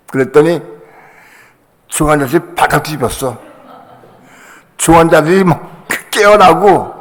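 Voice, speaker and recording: An older man, a pastor, telling a personal story in a sermon, acting out other voices with sudden loud bursts. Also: a little high. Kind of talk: sermon testimony. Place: church sanctuary. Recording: long hall reverb.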